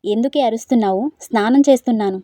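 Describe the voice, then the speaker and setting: Irritable young man in a storybook, curt and scolding, read by a woman, mellow tone. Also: a little high, fast talker, no room sound, studio quality, natural voice. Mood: irritated.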